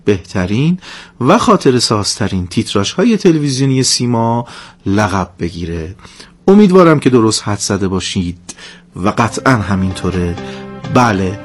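A man's voice: fairly low pitch, husky. A man hosting a radio music show, speaking in a formal, flowery, ceremonious way. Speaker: radio host and music reporter.

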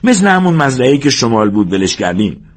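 A man voicing a sharp-tongued exasperated ranch hand. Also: medium pitch, sing-song, pitched above the performer's own voice. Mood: scolding. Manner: scolding, raised voice, emphatic. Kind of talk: audiobook character voice.

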